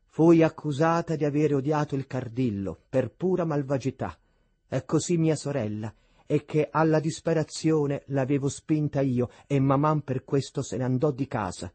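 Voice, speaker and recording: A man with a husky voice reading the lines of a meek, devout young woman, quiet and resigned. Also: mid-range voice, moderate pace, no room sound, close to an everyday voice. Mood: tearful.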